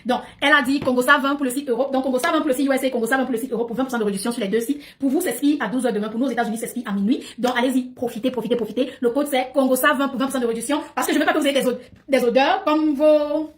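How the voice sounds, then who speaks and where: A woman's voice: high-pitched, very fast, few pauses. A woman hosting a casual livestream chat in an emphatic, talkative way, often repeating her phrases. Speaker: livestream host.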